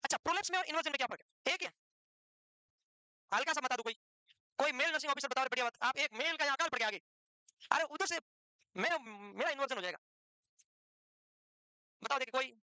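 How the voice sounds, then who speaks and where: Teasing his nursing students and peppering them with rapid questions, a quick-speaking man with an unusually high, bright voice runs a live class. The sound is close-miked and dry, with minimal room echo.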